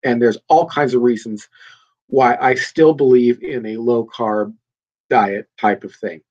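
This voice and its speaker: This podcast host's medium-pitched voice is steady and darkish, paced in a measured way, and the recording is muffled. His solo monologue is casual and improvised, emphatic and rambling with lots of fillers and restarts. He sounds slightly congested and nasal from a cold.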